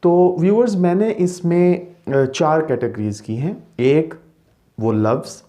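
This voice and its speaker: A man teaches English pronunciation in a slide-based lesson, his voice a little high yet dark in tone. Taking it slowly, he patiently repeats each word and checks in with his viewers.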